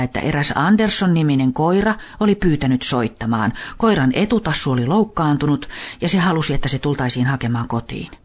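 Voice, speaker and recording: A man narrating a children's story in a calm, even reading voice. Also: on the high side.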